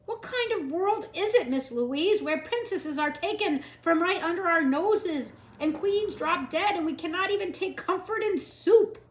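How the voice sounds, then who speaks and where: A woman's voice: very high-pitched, lively intonation, unhurried, hardly any pauses, a bit bright, reverberant, voice pushed up, exaggerated voice. A woman doing a wailing, distraught castle cook. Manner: wailing, overwrought. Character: weepy, distraught middle-aged female castle cook.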